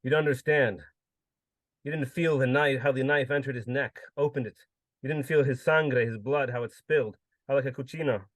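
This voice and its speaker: A man's voice: medium pitch, normal speed, fairly bright tone, dry recording, natural voice. A man reading as a desperate drunk begging absolution. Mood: anguished. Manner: pleading, anguished.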